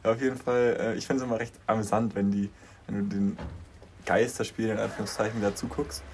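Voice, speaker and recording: A man's voice: lowish voice, fast talker, slight background noise. Laughing young man, casual chat. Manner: laughing, animated storyteller. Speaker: podcast co-host.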